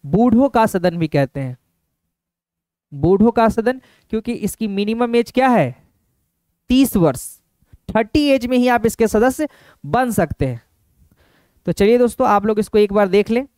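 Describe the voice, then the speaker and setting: A man teaching an exam-prep video lesson, repeating each point and asking viewers quick rhetorical questions. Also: high-pitched, expressive, darkish tone, clean tone, dry recording, studio quality. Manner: calls viewers friends.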